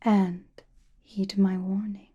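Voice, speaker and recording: A woman's voice: medium pitch, flat delivery, muffled recording. Woman acting out a whispering, enigmatic Scarlet Witch sorceress. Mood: cautioning. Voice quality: soft breathy whisper. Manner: slow, deliberate, cryptic, addressing listener intimately. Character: enigmatic, knowing adult woman sorceress of chaos magic. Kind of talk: ASMR roleplay, whispered.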